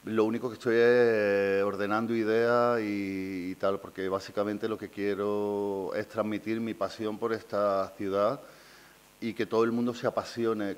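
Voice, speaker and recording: A man's voice: fairly low pitch, flat delivery, normal speed. A man in his forties from southern Spain with an Andalusian accent, giving an informal, unscripted thank-you speech and searching for words. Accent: Andalusian Spanish. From Linares, Andalusia, Spain. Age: 40s. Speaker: invited festival speaker, a designer. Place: small indoor meeting room. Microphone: gooseneck desk microphone.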